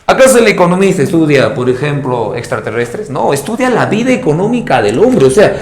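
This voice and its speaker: A man with a Peruvian accent teaching an economics class, lively, acting out students and parents as he goes. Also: on the high side, fairly quick, crowd noise. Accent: Peruvian Spanish. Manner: animated, acts out student and parent voices. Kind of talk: classroom lecture. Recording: echoey room with faint noise.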